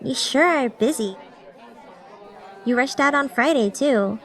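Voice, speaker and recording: Woman doing Tracy, a pushy high-pitched teen girl. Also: unhurried, crowd noise, background noise. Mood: complaining. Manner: complaining, teasing tone. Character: annoyed teenage schoolgirl, pushy and teasing. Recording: voice over background music.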